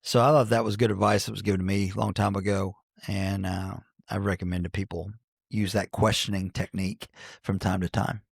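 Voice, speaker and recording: A man in his forties from Cincinnati, a guest on a podcast, talks in an earnest, folksy way and restarts his sentences often. His voice is low and gravelly. The studio sound is dry and close. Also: level tone, a little fast, no echo. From Cincinnati, Ohio, United States. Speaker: basketball coach, podcast guest. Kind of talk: reflective conversational storytelling.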